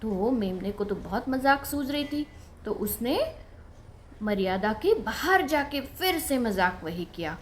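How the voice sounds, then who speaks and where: Slow expressive woman storyteller for kids. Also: on the high side, slight background noise. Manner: slow, simple expressive telling. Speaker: children's storyteller. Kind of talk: puppet story narration for kids.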